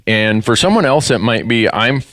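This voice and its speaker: A man's voice: mid-range voice, lively intonation, moderate pace, fairly bright tone, no echo, clean studio sound. A man in his fifties with a Minnesota accent, hosting a podcast and telling stories in an earnest way, often restarting his sentences. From northern Minnesota. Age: 50s. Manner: earnest, storytelling, with frequent restarts. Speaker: podcast host. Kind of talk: casual conversation.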